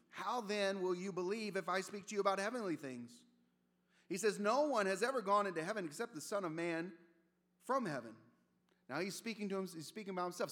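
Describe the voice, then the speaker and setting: A man's voice: high-pitched, a bit bright. A man preaching a sermon as pastor, conversational and storytelling, with casual asides. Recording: long reverb of a large hall.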